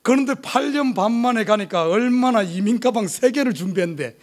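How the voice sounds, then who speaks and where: His voice is very high-pitched and brisk: a middle-aged pastor from South Korea, Gyeongsang accent, recounting a humorous story about himself from the pulpit. He's animated and lively throughout, in the church sanctuary.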